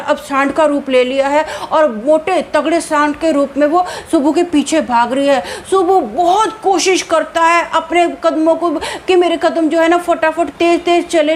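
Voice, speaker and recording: A woman narrating a horror story in a lively, dramatic way. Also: high-pitched, slight background noise.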